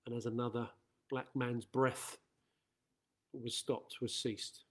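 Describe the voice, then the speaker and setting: A man's voice: mid-range voice, level tone, slow. Earnest man giving a chaplain's talk. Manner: earnest, reflective. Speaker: school chaplain. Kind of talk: reflective assembly talk.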